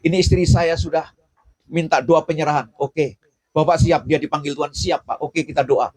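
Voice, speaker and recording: Husky impassioned male preacher. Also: fairly even intonation, normal speed, darkish tone. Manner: impassioned storytelling preacher, voice swings low to high. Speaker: pastor. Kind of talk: sermon.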